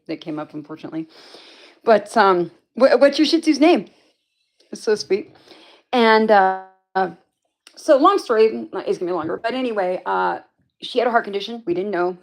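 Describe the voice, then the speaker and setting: A woman hosting a casual livestream from home, rambling through a story and answering viewers' comments as they come in. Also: medium pitch. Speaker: livestream host.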